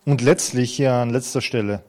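A man's voice: mid-range voice, moderate pace, a little mellow. A man in his fifties preaching an earnest, conversational sermon to a congregation, with touches of light humor. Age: 50s. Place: church hall before a congregation.

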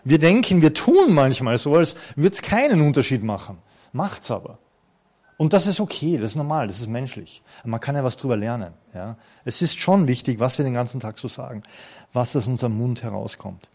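A man's voice: medium pitch, very animated, fairly quick, darkish tone. A man in his fifties preaching an earnest, conversational sermon to a congregation, with touches of light humor. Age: 50s. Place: church hall before a congregation.

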